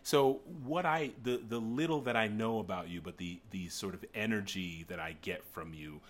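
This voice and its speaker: A man interviewing casually as host, with animated, rambling, digressive storytelling. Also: lowish voice, moderate pace.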